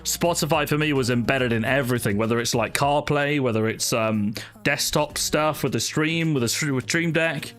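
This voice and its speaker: A young man, a sim racing streamer, chats casually with viewers from his home streaming setup, greeting people by name and using plenty of fillers. His voice is medium-pitched and a bit bright, with a moderate pace and few pauses. He's not from Wales, and music plays in the background.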